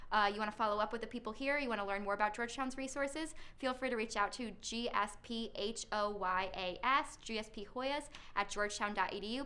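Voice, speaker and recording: A woman's voice: medium pitch, pushed and bright. A young woman in college opening and moderating a student panel in an eager, friendly way. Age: young adult. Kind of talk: upbeat panel introduction.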